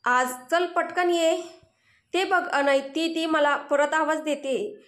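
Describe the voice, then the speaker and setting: A woman's voice: sits high, fairly even intonation, slow, a bit bright, voice pushed up. A woman voicing a fragile, grieving young woman who pleads through tears and stammers over her words in a story reading. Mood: tearful pleading. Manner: tearful, pleading, stammering repeats. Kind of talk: Marathi audio story dialogue.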